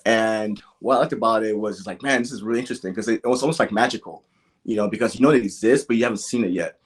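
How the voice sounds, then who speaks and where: A young man, born in Nigeria and raised in the American Midwest, chats casually as a podcast guest, telling personal stories sprinkled with "like" and "you know." His voice sits fairly low, with a breathy edge, and he talks very fast.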